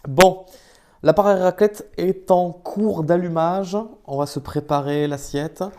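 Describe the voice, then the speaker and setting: A man's voice: sits high, fairly even intonation, takes it slowly, mellow, clean tone. Chatty French man streaming live. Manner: chatty and improvised, talks to his chat. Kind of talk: casual live stream chat. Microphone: phone.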